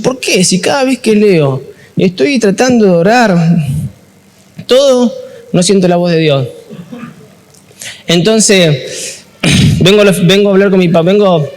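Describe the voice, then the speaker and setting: A man's voice: high-pitched, in a large hall. A man with an Argentine accent giving a chatty, jokey informal sermon at a workshop, often asking the audience questions. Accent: Rioplatense Spanish. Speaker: youth ministry speaker.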